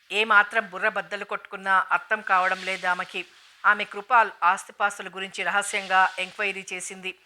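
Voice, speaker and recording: In an audiobook, a woman with a medium-pitched voice narrates a novel in a steady, even storytelling style.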